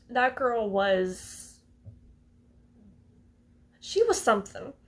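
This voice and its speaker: A woman's voice: on the high side, very animated, extremely slow. Hesitant young woman rambling to camera. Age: twenties. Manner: rambling, hesitant, laughs often. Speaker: vlogger. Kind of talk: casual talk to camera.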